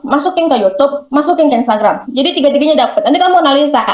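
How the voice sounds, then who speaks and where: Chatty high-voiced woman teacher. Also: echoey room. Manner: chatty, acts out quick examples in voices. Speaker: workshop speaker. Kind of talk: classroom talk on content creation. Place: school hall.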